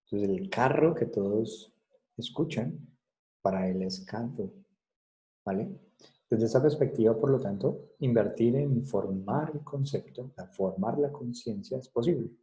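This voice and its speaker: Very dark-voiced male lecturer. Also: medium pitch, a little slow, rough recording. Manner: explanatory, checks understanding with frequent tag questions. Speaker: psychology lecturer. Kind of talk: recorded class lecture.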